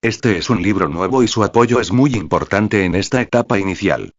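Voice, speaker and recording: A man narrating a fan-fiction novel in the first person, in a steady read-aloud manner. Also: on the low side, moderate pace, no room sound. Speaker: novel reader. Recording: dry, slightly dull recording.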